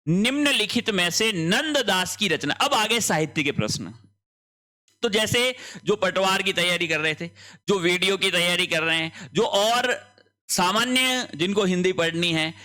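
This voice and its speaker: A man's voice: high-pitched, lively intonation, measured pace, bright, forceful tone. A man working through an exam answer key as a tutor, explaining each option step by step and checking in with his students.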